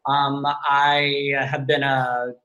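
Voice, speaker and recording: A man introduces himself over a video call. He speaks slowly and hesitantly, with plenty of fillers. His voice has a bright, forceful edge. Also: medium pitch, flat delivery. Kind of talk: casual self-introduction.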